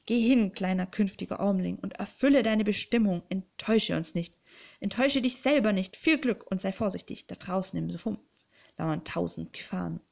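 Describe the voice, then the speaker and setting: A woman's voice: mid-range voice, moderate pace, gravelly, darkish tone. A woman reading an audiobook, voicing a jovial, secretive male bookling creature who speaks dramatically and conspiratorially. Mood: dramatic. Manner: dramatic, conspiratorial, grips and urges. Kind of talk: audiobook character voice.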